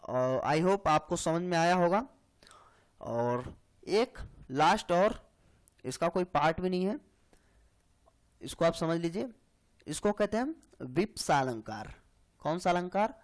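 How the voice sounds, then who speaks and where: A man teaching grammar for exam preparation, explaining slowly and checking in often with "hai na" and "theek hai". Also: on the high side, lively intonation. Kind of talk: exam-prep lecture.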